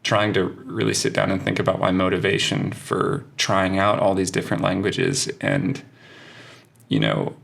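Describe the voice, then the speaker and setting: A man with a low, husky, creaky voice and a fairly bright tone talks at a moderate pace. He's a language teacher appearing as a guest in a casual interview, musing thoughtfully and hedging as he reflects.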